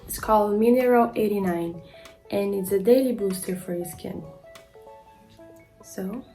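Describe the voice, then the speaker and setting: A model and beauty vlogger in her twenties, speaking with a Brazilian accent, describes her skincare routine in an unhurried, casual way, full of "like" fillers and stumbles over product names. Her voice is medium-pitched and dark, and soft music plays in the background.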